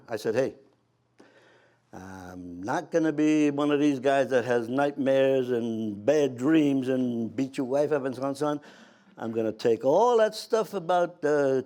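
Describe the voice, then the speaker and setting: An elderly American man, in his eighties or older, reminiscing as an old war veteran in animated anecdotes, with halting restarts and acted-out dialogue. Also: mid-range voice. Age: 80s or older.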